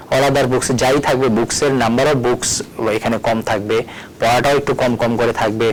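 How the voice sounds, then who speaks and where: A man's voice: mid-range voice, a little hiss or hum, low-quality recording. A male teacher giving a recorded board lesson. He spells words out letter by letter and moves between Bengali and English as he explains. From Tripura, India. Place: at a board, erasing and writing.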